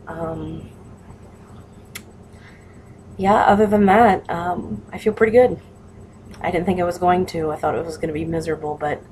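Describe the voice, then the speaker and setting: A woman talking casually and matter-of-factly in a personal vlog, giving advice as a patient in halting phrases. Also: deep voice, darkish tone, a little hiss or hum. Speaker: patient sharing surgery recovery advice.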